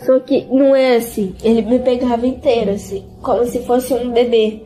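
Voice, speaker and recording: A woman giving an emotional religious testimony in an interview, speaking in a halting, repetitive way and often close to tears. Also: fairly high pitch, steady tone, dark tone.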